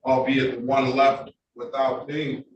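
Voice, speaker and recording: A man presiding as a judge, speaking briskly and firmly, cutting people off to keep proceedings moving, in a courtroom recording. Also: medium pitch, flat delivery, muffled recording. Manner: brisk and firm, cuts people off. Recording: echoey courtroom audio from a distant mic, noisy.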